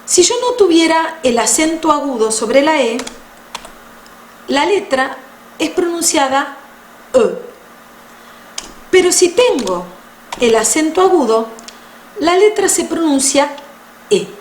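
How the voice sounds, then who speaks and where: Woman, high voice, teaching French, patient, roomy echo. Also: expressive. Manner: patient, slow, spells out sounds. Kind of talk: explanatory language lesson. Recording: roomy echo with faint noise.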